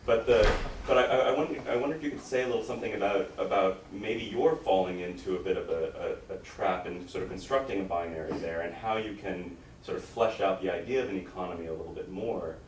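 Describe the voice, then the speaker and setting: A deep-voiced man is heard at some distance from the mic, with the room echoing around him. He speaks as an academic examiner, informally and haltingly, cushioning each criticism with tentative phrasing. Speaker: academic examiner at a dissertation defense. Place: echoey room, recorded from a distance. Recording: echoey room, distant mic, faint noise.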